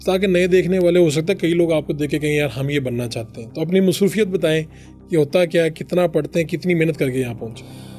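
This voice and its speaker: A man's voice: a little high, quick pace, a little mellow, soft background music. A man with a Pakistani Urdu accent hosting an interview show, asking probing, leading questions and dropping short affirmations. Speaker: show host.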